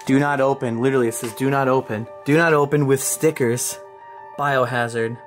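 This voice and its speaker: Excitable young man exploring a ruin. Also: medium pitch, fairly quick, soft background music. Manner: excitable, exclaiming, swearing casually. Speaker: urban explorer host. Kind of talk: casual exploration vlog. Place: inside a dark abandoned hospital. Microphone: handheld camera mic.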